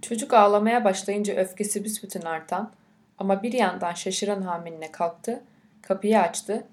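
A woman reads a novel aloud as an audiobook narrator. Her voice sits at a middling pitch for a woman, and the delivery is measured and unhurried. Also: darkish tone.

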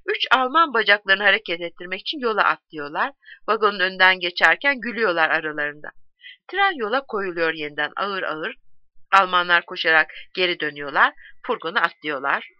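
A woman reading a novel aloud in a measured, expressive way. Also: fairly low pitch, no echo, dull audio. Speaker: audiobook reader.

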